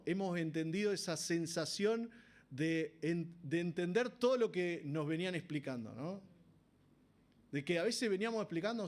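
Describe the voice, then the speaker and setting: A man with an Argentine Spanish accent preaching a sermon in a church, talking conversationally and often asking the congregation rhetorical questions. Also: a little high.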